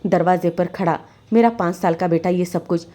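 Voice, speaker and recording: A woman's voice: lowish voice, moderate pace, warm tone. A woman narrating a story in the first person, with earnest, emotional storytelling.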